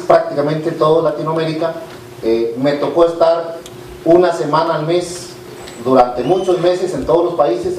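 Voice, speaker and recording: Man, middle-aged, Costa Rican accent, conference talk, candid and informal, fillers, fairly high voice, echoey hall. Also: a little mellow. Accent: Costa Rican Spanish. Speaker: business leader giving a conference talk. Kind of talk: conversational speech to an audience. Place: conference hall with a live audience. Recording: echoey hall, distant mic, faint noise.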